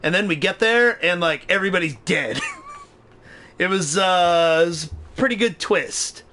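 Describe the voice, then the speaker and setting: Excitable, swearing young man streaming a game. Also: sits high, moderate pace, slight background noise. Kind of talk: casual gaming commentary.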